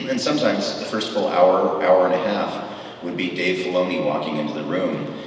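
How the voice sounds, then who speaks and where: In a large convention hall, a middle-aged guest on a panel answers questions with rambling, eager anecdotes packed with fillers. His voice is low and his speed normal; the echoey room is captured from a distance with slight background noise.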